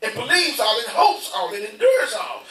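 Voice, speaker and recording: A man's voice: very high-pitched, normal speed, gravelly. A man preaching a sermon, acting out scenes and calling out to the congregation. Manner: animated preaching, acts out scenes, shouts to congregation. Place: church. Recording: echoey church heard from far off, congregation audible. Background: congregation responding.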